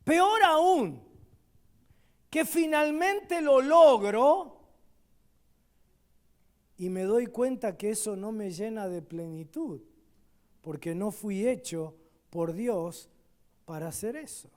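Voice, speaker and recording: A guest pastor with an Argentine accent delivers a sermon at a church service in a high-pitched, animated voice. He speaks slowly with long pauses, shifting between loud, emphatic declarations and quiet asides.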